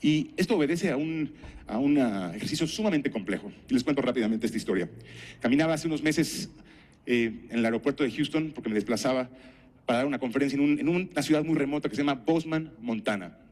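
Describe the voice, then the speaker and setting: A man's voice: mid-range voice, expressive, fast talker, a little mellow. Man, conference speaker, storytelling, rhetorical questions to the audience. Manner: narrates anecdotes, asks the audience rhetorical questions.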